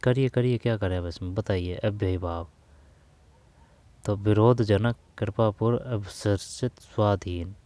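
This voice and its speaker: A man with a fairly low voice teaches grammar for an exam, talking casually. He repeats words and phrases as he works out each answer out loud. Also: a little slow, no room sound. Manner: thinks aloud, repeats phrases while reasoning. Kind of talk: casual spoken lesson, working through exam questions.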